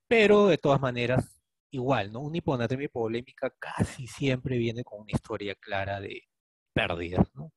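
Peruvian doctor quizzing students, dry sound. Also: male voice, mid-range voice, animated, moderate pace, no room sound. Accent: Peruvian Spanish. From Peru. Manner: questioning, Socratic, tags lines with "¿no?". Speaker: physician teaching students. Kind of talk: clinical case teaching session.

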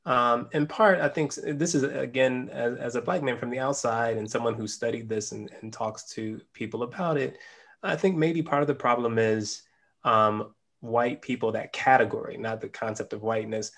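A man's voice: medium pitch, steady tone, moderate pace, fairly bright tone. A man hosting a conversation, asking reflective questions and thinking aloud, on a video call from a home study. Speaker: professor, host. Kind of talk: interview questions. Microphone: desk microphone on a video call.

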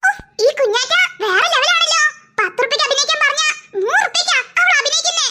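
A woman's voice: extremely high pitch, expressive, fast talker, background noise. A woman doing a smug scheming schoolgirl. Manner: smug and bossy, giggling. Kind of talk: cartoon voice acting.

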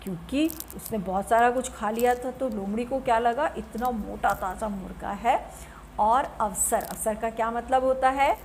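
A woman teacher reading a story aloud to young pupils, often pausing to ask and explain. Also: a little high, slight background noise. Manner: asks the class questions, repeats and explains. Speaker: primary school teacher.

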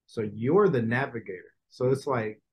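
A man guest on a podcast, a healer, explaining things calmly in casual chat. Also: mid-range voice, normal speed, rough recording.

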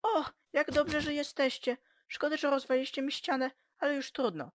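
A woman voicing a fussy, flustered woman mayor in a high, prim and fretful voice for a parody cartoon dub, with music behind. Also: steady tone, normal speed, heavy background noise, close to an everyday voice.

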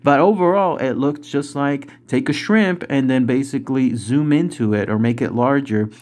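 A man's voice: medium pitch, darkish tone. A middle-aged man hosting a cryptid video, narrating casually over still images in a conversational, rambling way with fillers.

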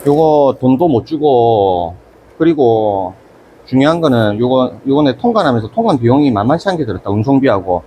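Gyeongsang-accented shop owner, storytelling vlog, swooping pitch, noisy room behind him. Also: male voice, moderate pace. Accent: Gyeongsang Korean. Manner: animated, retells his own angry exchanges. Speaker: aquarium business owner. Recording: noisy ambient background.

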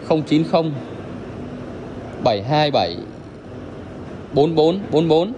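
A man showing an air cooler in a casual walkthrough, halting with fillers and counting parts aloud. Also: a little high, lively intonation. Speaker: salesman demonstrating an air cooler. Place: large tiled showroom indoors. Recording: echoey room with loud fan noise.

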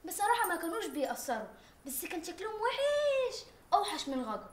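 A woman's voice: extremely high pitch, sing-song, fast, echoey room, a little hiss or hum. An actress playing a naive, chatty young woman, speaking with an Egyptian accent and asking questions one after another. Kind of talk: TV drama acting.

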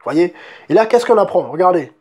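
A man's voice: high-pitched, animated, brisk, darkish tone, breathy edge. A man preaching a sermon and reading Bible verses, emphatic, often asking his listeners if they see, and restarting words as he goes.

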